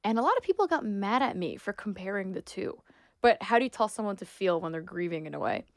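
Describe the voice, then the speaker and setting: A woman in her twenties from New York talks as a podcast guest, opinionated and emphatic, with "like" sprinkled through her sentences. Her voice sits at a middle pitch, and it is recorded close and dry with no room sound. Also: expressive, fast, dry recording. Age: 20s. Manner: emphatic, opinionated, frequent "like" fillers. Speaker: guest, sports reporter and influencer. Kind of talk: casual interview talk.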